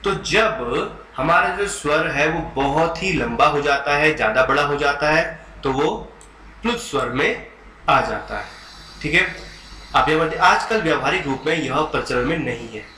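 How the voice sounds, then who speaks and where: A man's voice: a little high, sharp tone. A man teaching Hindi grammar in an exam-prep lecture, explaining patiently, repeating key terms and sounding out vowels for students. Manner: explains slowly, repeats terms and checks with "ठीक है". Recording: echoey room with faint background noise.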